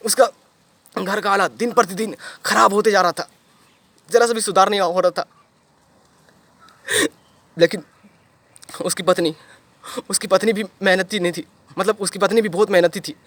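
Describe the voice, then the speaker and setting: A man's voice: sits high, a bit bright, no room sound. A young man performing a dramatic audition monologue, retelling a story with emphatic repetition and sudden swells and drops in intensity.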